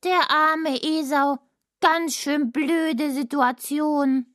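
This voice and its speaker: A woman voicing a cheeky little boy woodworm in a children's audio drama, talking quick and childlike. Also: high voice, steady tone, fairly bright tone, no echo, clean studio sound, heavily acted. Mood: sorry.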